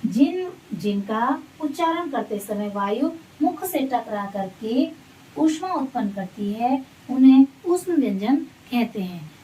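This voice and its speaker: A woman teacher giving a grammar lesson to children, reciting letters and definitions slowly and patiently. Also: on the high side, expressive, mellow, far from the mic, low-quality recording.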